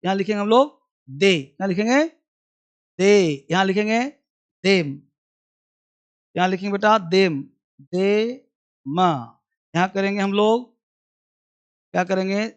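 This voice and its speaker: Casual: indian guy teaching english sounds to a class, slow and repetitive, bossing them to write it down quick. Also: high voice, smooth. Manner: repeats sounds and words for students to copy, gives brisk instructions. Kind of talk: classroom pronunciation drill.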